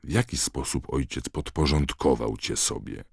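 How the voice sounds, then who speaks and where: A man voicing an old male wizard headmaster who questions quietly and calmly. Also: very deep voice, moderate pace, husky, no echo, clean studio sound, exaggerated voice.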